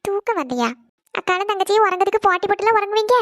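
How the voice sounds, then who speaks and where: A woman's voice: very high voice, expressive, dry recording, clean studio sound, faint music behind. A woman voicing a worried, scolding middle-aged mother in a cartoon. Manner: scolding, rapid, fussing. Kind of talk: cartoon voice acting.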